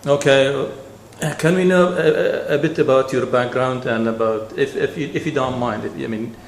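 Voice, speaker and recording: A man interviewing guests, asking questions in a halting way with many repeated words. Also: mid-range voice, steady tone, vocal fry. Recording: echoey room, faint noise.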